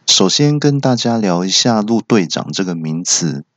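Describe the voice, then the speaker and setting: A man from Taiwan, hosting a comedy podcast and telling self-mocking stories in a deadpan way. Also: sits low, normal speed, no room sound, lo-fi sound. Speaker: podcast host. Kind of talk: comedy monologue.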